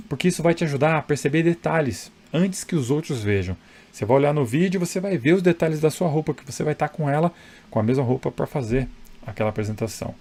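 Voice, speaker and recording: Speaking in a somewhat high, slightly mellow voice, this man gives public-speaking advice directly to the camera. He's conversational and emphatic, often tossing in tag questions to check in with whoever's watching.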